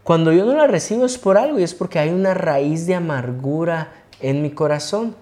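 A young man co-hosting a couples' faith talk, moving from casual chat into a calm, explanatory short sermon. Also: a little high, normal speed. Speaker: co-host and preacher.

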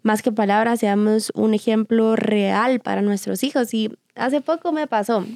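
Earnest Guatemalan woman, higher voice. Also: fairly even intonation, unhurried, creaky, a little mellow, no room sound, studio quality. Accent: Guatemalan Spanish. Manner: earnest, storytelling, quotes inner voice. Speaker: podcast co-host. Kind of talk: casual faith-based parenting talk.

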